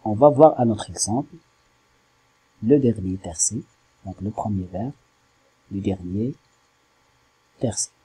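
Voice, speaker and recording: Un homme, professeur de littérature, qui explique un poème lentement et en hésitant, en découpant les syllabes. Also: male voice, lowish voice, lively intonation, mellow, breathy edge, low-quality recording. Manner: slow, hesitant, spells out syllables. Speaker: French literature teacher. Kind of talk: slow classroom explanation.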